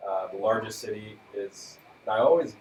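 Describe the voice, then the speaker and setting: Man, fairly low voice, relaxed radio chat, roomy sound, set back from the mic. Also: normal speed, distant mic, a little hiss or hum. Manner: relaxed, fact-reciting with fillers and light chuckles. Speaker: radio show co-host. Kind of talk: casual radio chat presenting facts.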